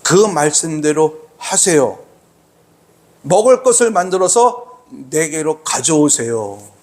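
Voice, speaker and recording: A male pastor voicing a stern male prophet who gives commands slowly, in a sermon. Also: fairly high pitch, animated, darkish tone, pitched below the performer's own voice. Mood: commanding.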